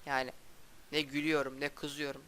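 Halting young man narrating gameplay. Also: on the high side. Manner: halting, stumbling speech with restarts; flat, subdued delivery. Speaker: gaming YouTuber. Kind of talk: casual gameplay commentary.

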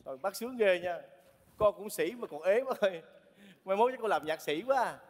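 A man's voice: sits high, animated, a little fast, in a large hall. A man with a Southern Vietnamese accent teasing and exclaiming constantly in a stage comedy sketch. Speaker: comic sketch partner.

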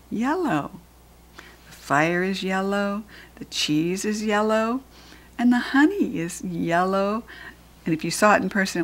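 Here a reading teacher and read-aloud host, an older American woman with a lowish voice, shares a picture book with young children. She turns it into a lesson by asking easy questions and drawing attention to things on the page.

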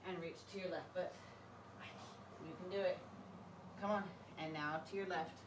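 A woman's voice: lowish voice, steady tone, moderate pace. Woman aerobics instructor, roomy and distant. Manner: encouraging, calling out short commands while exercising. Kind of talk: aerobics instructor leading a kids' workout with short cues and counts. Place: large carpeted room with high vaulted ceiling, indoors. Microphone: camera a few metres away. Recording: roomy, distant mic, clearly noisy.

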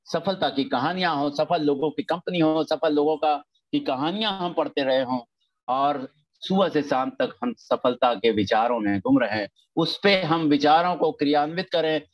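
An older man from India gives a spiritual motivational talk with emphatic, repetitive phrasing. He repeats lines like a chant and drops in short English slogans. His voice sits a little on the high side. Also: normal speed, muffled recording. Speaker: motivational speaker.

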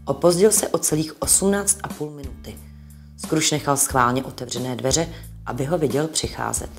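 Woman reading a story, low calm voice, quiet music behind.

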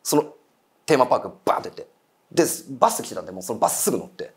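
A man's voice: medium pitch, very animated, racing. A man telling a ghost story in casual chat, acting out quoted voices and eerie murmurs. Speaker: guest storyteller.

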